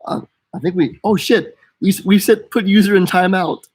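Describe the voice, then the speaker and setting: Young male co-host, husky, easygoing, jokes between reading viewer questions. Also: high voice, moderate pace, no echo. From United States. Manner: relaxed, joking, reads viewer comments aloud. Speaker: co-host of a travel channel. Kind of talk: casual live-stream chat.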